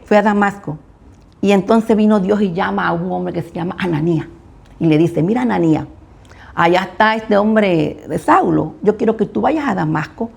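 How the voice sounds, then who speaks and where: A woman delivers a fervent sermon. Her voice is heavily gravelly, with a dark, mellow tone and a husky edge. She drives her points home with sharp, emphatic rises and falls. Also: medium pitch. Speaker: preacher.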